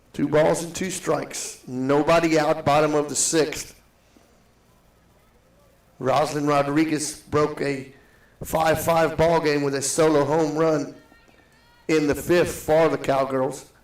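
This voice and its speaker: A man calling a softball game live in a steady, matter-of-fact way, his voice ringing with a cave-like echo. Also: fairly high pitch, far from the mic. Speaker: play-by-play announcer. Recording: echoey booth, set back from the mic.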